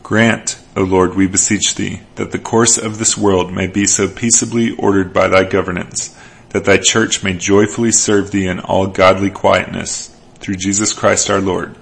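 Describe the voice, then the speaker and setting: Low, gravelly man reciting prayer evenly. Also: little pitch movement, normal speed.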